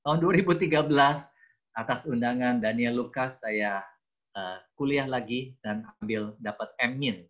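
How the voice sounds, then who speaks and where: A man's voice: medium pitch, moderate pace, a bit bright, lo-fi sound. A man in his sixties, a theology teacher, giving a chatty, self-mocking personal testimony to a youth group and slipping into English phrases. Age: 60s. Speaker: guest speaker, theology teacher.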